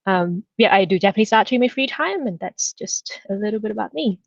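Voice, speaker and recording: A woman's voice: medium pitch, expressive, brisk, creaky, no echo. A cheerful woman from Thailand introduces herself as a front-end developer over a video call. Her mid-range voice sounds dry and slightly dull. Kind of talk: casual self-introduction.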